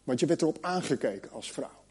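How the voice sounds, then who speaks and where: A man preaching a sermon and reading scripture aloud, slowing down and pausing on key words. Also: on the high side, expressive, darkish tone, husky.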